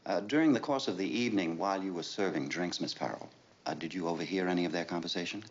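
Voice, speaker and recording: An actor playing a methodical navy prosecutor, questioning witnesses in a measured, slightly hesitant way. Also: male voice, sits low, slight background noise. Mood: probing. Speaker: prosecuting lawyer. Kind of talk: 1970s TV courtroom drama. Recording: dull lo-fi TV soundtrack.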